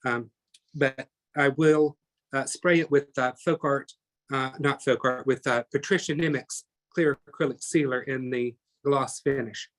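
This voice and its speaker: A man's voice: mid-range voice, steady tone, unhurried, a bit bright. A man teaching a live online painting class, chatty and talking through each step as he works, often correcting himself mid-sentence. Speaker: painting instructor.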